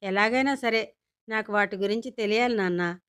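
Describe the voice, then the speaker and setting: A woman's voice: mid-range voice, normal speed, fairly bright tone, clean tone, close to an everyday voice. A woman voicing a curious, insistent young daughter. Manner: insistent, wheedling questions. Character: curious young daughter, pestering her father.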